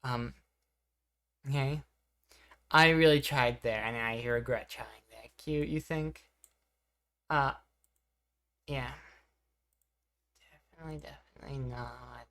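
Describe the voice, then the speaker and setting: A woman's voice: extremely low pitch, fairly even intonation, slow, pauses often, fairly bright tone. A young woman streaming live, chatting casually with her chat, rambling and poking fun at herself. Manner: rambling, self-deprecating, reacting to chat.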